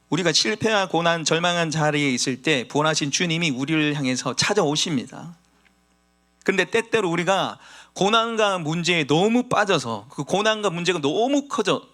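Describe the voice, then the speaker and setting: A man preaching a sermon, his voice sitting a little higher than most men's. He delivers it emphatically and acts out the quoted lines. A faint electrical hum runs underneath. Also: a bit bright. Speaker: pastor.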